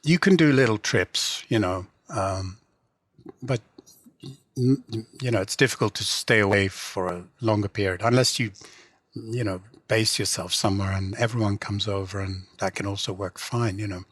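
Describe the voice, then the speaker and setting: A man's voice: lowish voice, fairly bright tone, dry recording, clean studio sound. A middle-aged man from England, a translator and novelist, talking casually in an interview with many restarts and fillers. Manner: halting, many restarts and "you know" fillers.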